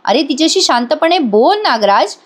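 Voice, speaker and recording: A stern elder man who scolds his younger brother, read out by a woman narrator. The voice is high. It is a recap-style delivery. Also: big pitch swings, normal speed.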